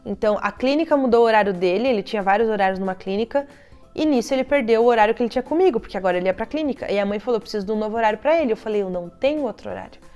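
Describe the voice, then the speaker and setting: A woman's voice: mid-range voice, darkish tone. A young adult woman, a child psychologist, talking casually to fellow therapists and telling stories about difficult families, quoting parents' lines as she goes. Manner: chatty storytelling, acting out parents' quoted lines.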